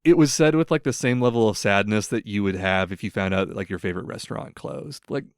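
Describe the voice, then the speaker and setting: A man's voice: on the low side, fast, no echo, clean studio sound. A young man hosting a podcast, telling stories in a rambling, casual way full of "like" and other fillers. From United States. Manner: rambling storyteller, filler-heavy, lots of "like". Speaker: podcast host. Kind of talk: casual chat.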